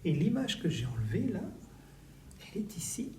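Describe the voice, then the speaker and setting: Man, schoolteacher, slow and singsong, fairly high voice, echoey classroom, off-mic. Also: distant mic. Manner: slow, sing-song and animated, stretching syllables. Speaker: teacher. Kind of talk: recorded reading lesson for young children. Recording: echoey room, voice a little off-mic, faint background noise.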